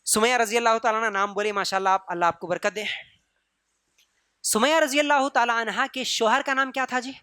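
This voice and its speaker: A man with a Deccani Urdu accent giving an animated religious storytelling lecture, quizzing listeners and repeating phrases for emphasis. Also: very high-pitched, clean tone, dry recording, clean studio sound. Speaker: preacher.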